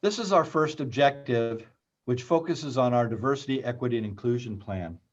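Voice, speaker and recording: Man reading a measured presentation. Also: medium pitch. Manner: measured, read-aloud delivery. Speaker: university library dean, presenter. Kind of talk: scripted conference presentation. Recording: slightly muffled lo-fi recording.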